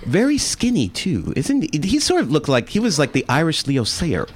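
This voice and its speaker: A man's voice: on the high side, wildly swooping pitch, normal speed. A man, co-hosting a radio show with playful, teasing, enthusiastic chat. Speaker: radio co-host. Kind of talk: casual radio banter.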